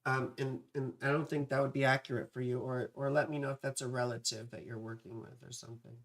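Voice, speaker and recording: Speaking fast with little pitch movement, this mid-range astrology livestreamer has a dry, parched vocal fry. The talk with viewers is casual, playful, and scattered, frequently broken up by fond little asides.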